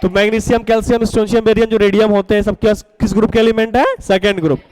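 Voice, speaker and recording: A man's voice: sits high, little pitch movement, quick pace, darkish tone, rough recording. A man teaching a chemistry class, coaxing students with questions and repeating their answers. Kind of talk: classroom lecture.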